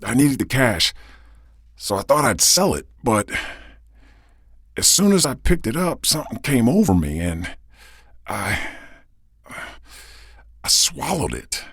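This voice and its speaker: A husky, gravelly voice for a desperate creature whose skin is turning to living gold, as a man puts him on. He speaks slowly and with strain, as if every word hurts, and his pitch swings widely. The sound is dry and close. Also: sing-song, fairly bright tone, dry recording, full character voice. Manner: pleading, strained and labored. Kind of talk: audiobook character voice.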